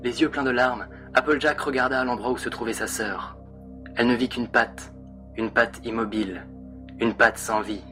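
Bright-voiced man narrating a dramatic story. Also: medium pitch, moderate pace, faint music behind. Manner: expressive, dramatic.

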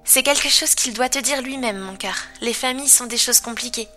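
A kind mother mare from a storybook, friendly and generous, as a woman puts her on. Her voice is fairly high and bright. She speaks in a motherly way. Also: brisk, faint music behind.

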